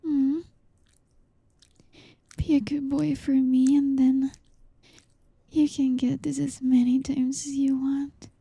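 A young woman in an intimate whispered roleplay, softly teasing and coaxing with a breathy voice, close to the mic. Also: high-pitched, little pitch movement, slow, pauses often, no echo. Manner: teasing, coaxing, soft-spoken. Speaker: audio roleplay performer.

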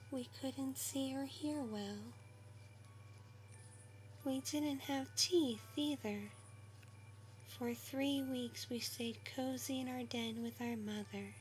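A woman voicing a tender, protective mother fox, softly whispering as she tucks her kits into bed. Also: a little high, fairly even intonation, slow, long pauses, soft background music, rough recording. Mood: storytelling. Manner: soft whispering, soothing and affectionate. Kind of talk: ASMR roleplay, bedtime storytelling.

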